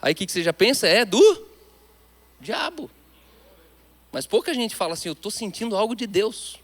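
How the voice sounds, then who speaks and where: A male pastor with a Brazilian Portuguese accent delivers a sermon in a fairly high voice. He preaches with emphasis, switching often between loud declarations and quiet, hushed asides. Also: quick pace.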